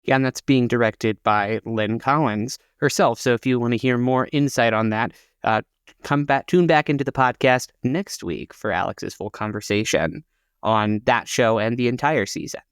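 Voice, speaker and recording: A man's voice: medium pitch, normal speed, clear, resonant tone, no echo, studio quality. A man co-hosting a theater podcast, chatting casually and reading out show listings with frequent "uh" fillers. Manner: informative, reads out listings with many "uh" fillers. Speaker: podcast co-host.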